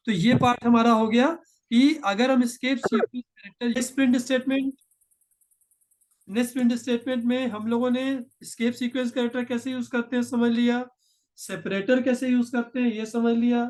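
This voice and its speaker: A man with an extremely high-pitched voice gives a programming lesson via screen share, patient and step by step, mixing in terms and slowing down to dictate code.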